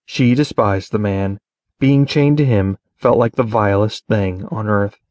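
A man reading fantasy fiction aloud as an audiobook narrator, in a measured, even way. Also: fairly low pitch, dry recording. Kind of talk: scripted narration.

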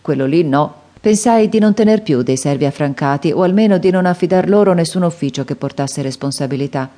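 Brief: meek middle-aged father, apologetic and hesitant, low and warm read by a woman for a storybook. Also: a little fast, lightly acted. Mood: mild. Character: kindly, weak, embarrassed middle-aged father. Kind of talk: audiobook character reading.

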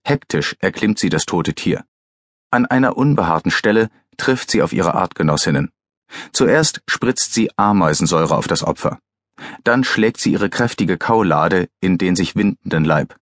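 A man reading an audiobook as narrator, calm and measured, on a close studio mic. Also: low voice, dry recording.

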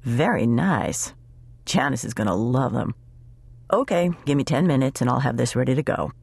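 A woman voicing a gruff, chatty older male tire mechanic with an easygoing, folksy way of talking. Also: a bass voice, lively intonation, moderate pace, darkish tone, dry recording, heavily acted. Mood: grumbling.

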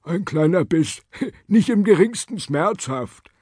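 A genteel tired vampire, breathy, slow and formal, lively pitch, dry audio. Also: male voice, dry recording, exaggerated voice. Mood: polite weary. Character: old-fashioned male vampire, weary and overly polite.

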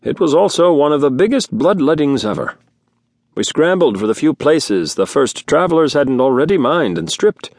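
A man's voice: fairly high pitch, big pitch swings, moderate pace, dry recording, voice pushed up. A man voicing an old, wealthy human man who speaks bluntly and reproachfully.

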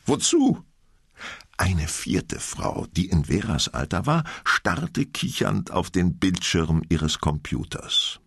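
A man narrating an audiobook in a measured, expressive reading. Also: low voice, vocal fry, husky, dry recording, clean studio sound. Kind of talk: scripted narration.

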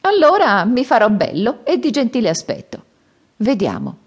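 A woman's voice: a little high, huge pitch swings, normal speed, husky, voice pushed up, heavily acted. A woman voicing a cheeky, shape-shifting male monkey king who talks in a cocky, teasing way.

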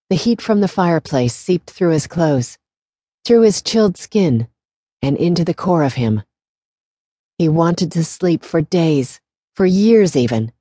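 A woman with a low, mellow voice reads a novel aloud in a steady, measured way. The sound is close and completely dry, like a studio audiobook. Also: no echo. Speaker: audiobook narrator. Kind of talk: scripted narration.

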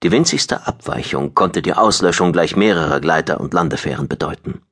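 Deep-voiced male audiobook narrator. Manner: steady, measured storytelling. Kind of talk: scripted narration.

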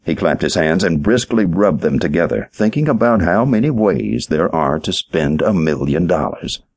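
A man narrating a short story in an audiobook, reading in a measured storytelling manner. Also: sits low, animated, breathy edge, dry recording, clean studio sound. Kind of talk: scripted narration.

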